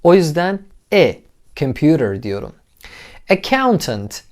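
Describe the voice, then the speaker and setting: A man's voice: fairly high pitch, sing-song, slow. A man teaching an English lesson in a casual, explanatory way, repeating sounds aloud for drill and asking viewers questions before praising them.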